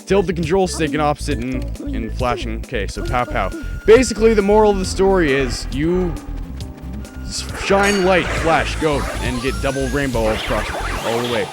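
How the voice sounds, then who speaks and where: A young man commentates a video game in a hoarse voice that keeps cracking from illness. He rambles and jokes as he plays, his pitch sitting a little high and swinging up and down a lot. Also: animated, moderate pace, music in the background. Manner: rambling, joking. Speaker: Let's Play host.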